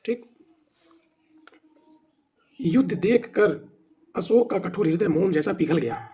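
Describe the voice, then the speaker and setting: Male teacher, high voice with a dark, husky tone, running an exam drill. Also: lively intonation, slow. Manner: explains by asking and answering his own questions; spells words out letter by letter. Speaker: Hindi teacher. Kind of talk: exam practice class.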